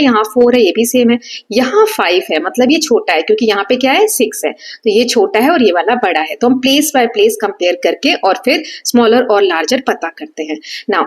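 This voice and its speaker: A woman teaching a maths revision lesson at a board. She explains step by step, mixes Hindi with English terms and often checks that students follow. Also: on the high side. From India. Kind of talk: exam revision lesson at a whiteboard.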